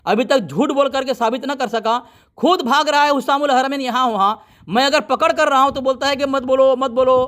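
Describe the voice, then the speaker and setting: A man in a heated religious debate, combative and commanding, who keeps shouting down his opponent and citing books at length. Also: very high-pitched, brisk. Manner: combative, commanding, repeatedly ordering silence.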